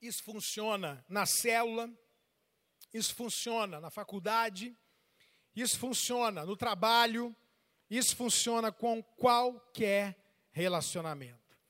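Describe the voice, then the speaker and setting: A man's voice: sits high, slow pace, sharp tone. A man preaching a sermon as pastor, acting out the voices of people in his stories and asking the congregation questions. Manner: preaching with call-and-response questions; acts out church members' voices while telling stories. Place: large church. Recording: long reverb of a large hall.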